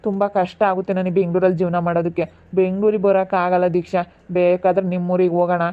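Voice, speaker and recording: A woman's voice: on the low side, little pitch movement, fast talker, phone-quality sound, close to an everyday voice. A woman playing a stubborn young husband who refuses to leave, speaking insistently. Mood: firm refusal. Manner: insistent, questioning.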